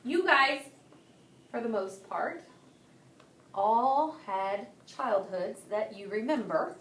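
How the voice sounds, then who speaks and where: A young woman teaching Spanish grammar to a class, explaining lively and asking students questions. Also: fairly high pitch, takes it slowly. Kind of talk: classroom lesson.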